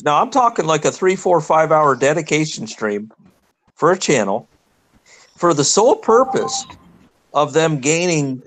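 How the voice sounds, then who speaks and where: A man's voice: on the high side, dry recording, rough recording. A man on a casual live stream chat, talking in an emphatic, folksy way.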